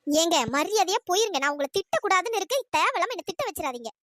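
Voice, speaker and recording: A performer voicing a fiery young female college student in a cartoon, scolding in an exasperated, pitch-raised voice. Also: lively intonation, fairly bright tone, no room sound, clean studio sound. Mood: annoyed scolding. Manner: scolding, exasperated, rapid-fire complaints. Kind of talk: cartoon voice acting.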